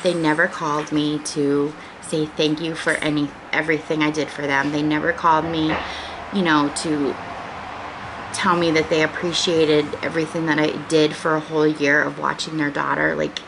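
Speaking from a small living room at home, a forties-aged American woman vlogs in a loose, casual, wandering way. Her low voice is creaky and flat in delivery, at normal speed, and room noise is clearly audible behind her.

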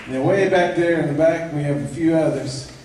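A man introducing his vocal ensemble at a live concert, halting with fillers and light jokes. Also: fairly high pitch, crowd noise. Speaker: ensemble director introducing singers. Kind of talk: live concert emcee talk. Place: church sanctuary. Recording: echoey church, distant mic, faint noise.

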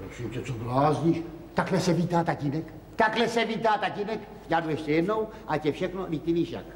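Actor doing a fed-up tired husband, kinda high voice, protesting, old 70s tv sound, echoey with hiss. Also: male voice, animated, close to an everyday voice. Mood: indignant. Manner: exasperated, protesting. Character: worn-out middle-aged husband, indignant and defensive. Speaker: factory-worker husband. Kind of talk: 1970s TV drama acting. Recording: echoey 1970s TV film sound, faint hiss.

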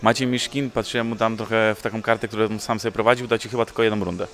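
Dziennikarz o niskim głosie zadaje pytania. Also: male voice, on the low side, fairly even intonation, fast talker, fairly bright tone. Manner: direct questions with fillers. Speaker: interviewer. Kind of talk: post-fight interview questions.

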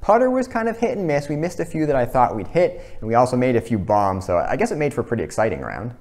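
A man's voice: mid-range voice, big pitch swings, fast talker, darkish tone. Young man giving casual golf commentary. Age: young adult. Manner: self-narrating, informal. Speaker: host of a simulator golf series.

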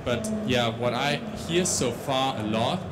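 On a large conference stage, a young man with a Dutch accent delivers a tech talk into a handheld mic, stumbling through many restarts and fillers. His voice is mid-range and his pace measured, and there's a lot of noise.

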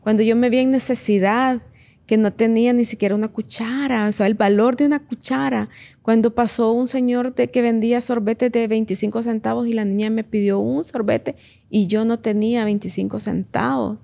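A woman's voice: fairly high pitch, steady tone, moderate pace, creaky, mellow. A woman, a podcast guest and businesswoman, earnestly telling her own story and giving advice. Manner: earnest, reflective, gives advice to listeners. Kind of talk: heartfelt personal testimony.

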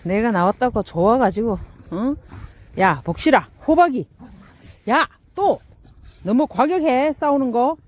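Lady fussing at her dogs, chuckling a lot, slow, high-pitched. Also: expressive. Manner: playfully scolding, chuckling often. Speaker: dog owner filming her pets. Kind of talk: casual talk to dogs.

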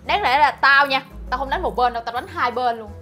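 A blunt, sarcastic older sister who runs a hair salon. Her voice is high and bright, and she fires off scolding lines at a quick clip. Light music plays underneath. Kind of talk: sitcom acting.

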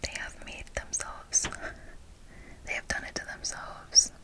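A young woman with a Miami accent giving a whispered ASMR talk in a slow, deliberate way with repeated phrases, close to the microphone. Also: bright, forceful tone. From Miami, United States. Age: young adult. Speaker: ASMR video creator. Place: bedroom, indoors. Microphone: close fur-covered desk microphone.

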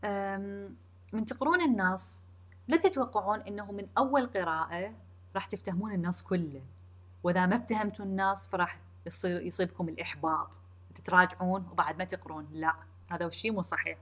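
A female English teacher with an Iraqi Arabic accent and a medium-pitched voice gives a recorded online lecture. She alternates between Arabic and slow, deliberate English, repeating key points for her students.

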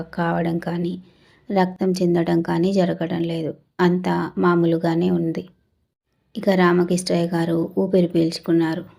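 A woman narrating a horror ghost story in a steady, unhurried way. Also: lowish voice, vocal fry.

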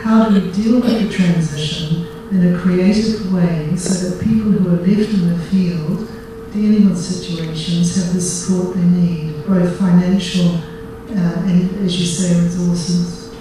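A woman's voice: fairly low pitch, fairly even intonation, a little slow. A woman asking an earnest, direct question at a workshop into a handheld microphone. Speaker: workshop participant. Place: hotel conference room. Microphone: handheld microphone through room speakers. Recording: very echoey hall from far off, noisy.

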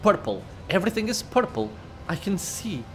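A man's voice: high-pitched, big pitch swings, moderate pace, soft background music. Haunted young psyker woman, read by a man. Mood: uneasy. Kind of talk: reading game dialogue aloud.

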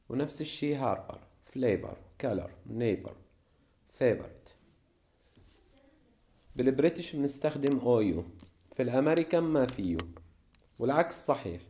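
A male English teacher with a Levantine Arabic accent, explaining vocabulary in a classroom lesson and reading word lists slowly and deliberately. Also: mid-range voice, warm tone.

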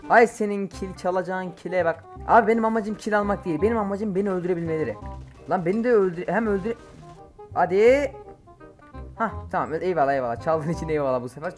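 A man giving live gameplay commentary as a mobile game streamer, excitable and quick to curse and shout at his teammates. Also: on the high side. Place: home, playing on an emulator.

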